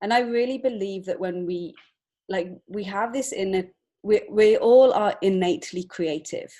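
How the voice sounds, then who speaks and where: On a podcast, a woman in her forties with an English accent, who writes and illustrates children's books, reflects sincerely on her life story. She speaks at an ordinary pace in a warm, medium-pitched voice.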